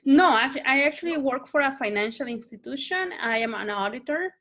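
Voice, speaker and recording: A woman's voice: high voice, expressive, a little fast, fairly bright tone. Peruvian-born woman, hesitant panelist. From Peru. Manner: hesitant, searching for words. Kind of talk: panel discussion on a video call.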